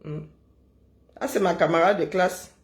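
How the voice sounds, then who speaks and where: A fairly low-pitched woman at a measured pace, she's a middle-aged Cameroonian from Kribi chatting on a live stream. Her replies to viewers are sarcastic and playful, frequently closed with "hein?".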